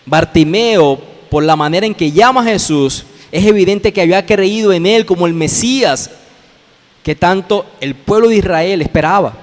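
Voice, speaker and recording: Colombian male pastor, high-pitched sermon delivery, explains and repeats for emphasis, echoing church hall. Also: moderate pace. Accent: Colombian Spanish. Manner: explanatory, addresses listeners directly, repeats phrases for emphasis. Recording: long reverb of a church hall.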